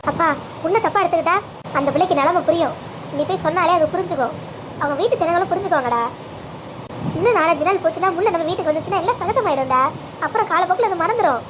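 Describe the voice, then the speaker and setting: A level-headed father in a cartoon story, voiced by a woman, soothing and persuasive in a very high, brisk voice. He reasons things out step by step. Steady background noise sits under him. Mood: calm. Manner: soothing, persuasive, takes blame. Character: calm, reasoning middle-aged father, man.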